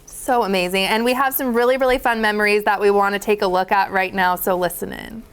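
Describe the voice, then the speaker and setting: A woman's voice: mid-range voice, fairly even intonation, fast, clear, resonant tone. A woman hosting a morning talk show, chatting casually and laughing often. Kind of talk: casual chat.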